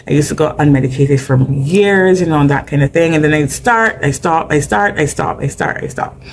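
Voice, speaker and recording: A middle-aged Barbadian woman, a guest who advocates for mental health, talks candidly in a conversational interview and uses many fillers. Her voice is low-pitched, with a slight hiss or hum in the background.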